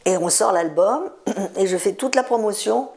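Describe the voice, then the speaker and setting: A woman's voice: medium pitch, normal speed, a little mellow. A woman in her seventies, a singer, telling stories in a chatty interview, repeating words for emphasis. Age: 70s. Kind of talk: relaxed interview storytelling.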